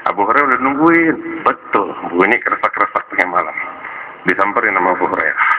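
Man telling a story in a sermon. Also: lowish voice. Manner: lively, colloquial storytelling. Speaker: preacher. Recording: dull lo-fi recording with noise.

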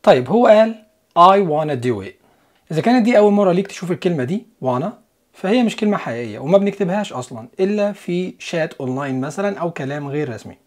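Young Egyptian male English teacher, slightly high voice, fast and upbeat explaining, slow drills. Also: lively intonation. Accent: Egyptian Arabic. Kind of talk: lively online language lesson.

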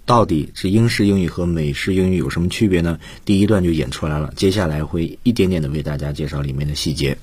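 A man's voice: sits low, fast talker, few pauses, darkish tone, slightly rough, no echo. A man teaching English on a radio lesson, patiently explaining words and grammar in his own language with English examples. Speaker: English teacher and guest lecturer. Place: radio studio.

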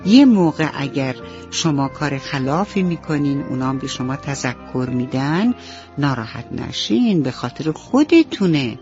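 A woman storyteller narrating a children's bedtime story on the radio, gentle and motherly, speaking straight to the children. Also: a bass voice, expressive, music in the background. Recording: slightly dull radio recording.

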